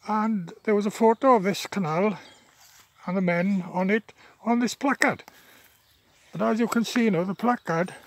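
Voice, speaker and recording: A Welsh man in his seventies, a native Welsh speaker with a high voice, chats as he films his own walk along a rural path beside wetland, tired from the effort. He holds a phone camera and stays off-screen, rambling in a plain-spoken way with plenty of fillers and restarts.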